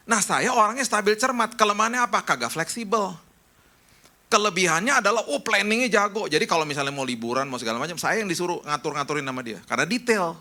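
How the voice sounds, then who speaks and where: Man, pastor, lively storytelling sermon, bright clear tone, fairly high voice. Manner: animated storytelling, acting out friends' voices.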